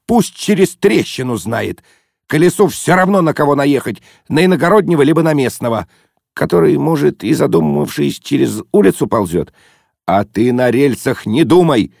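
A man voicing a grumpy old father with a bandaged head who talks gruffly, sighing and groaning. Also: on the high side, animated, moderate pace, a little mellow, dry recording, clean studio sound, voice pushed up.

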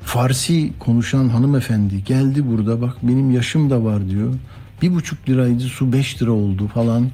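Male news commentator, husky and dark-toned, conversational and rambling, faint music behind. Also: mid-range voice, moderate pace. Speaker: news show host.

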